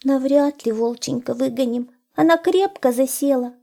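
A woman voicing a timid little male hare who pleads and laments in a high, plaintive voice. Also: normal speed, gravelly, dark tone. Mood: lamenting.

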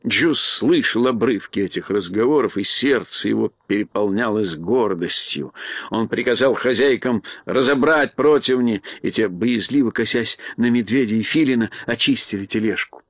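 A man reading a children's storybook aloud in expressive scripted narration. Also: lowish voice, moderate pace, dry recording, studio quality. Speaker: audiobook narrator.

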